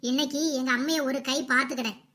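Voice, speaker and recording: A woman's voice: high voice, fairly even intonation, fast talker. A woman voicing a kind, protective young sister-in-law in a cartoon comedy. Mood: concerned. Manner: gentle, concerned.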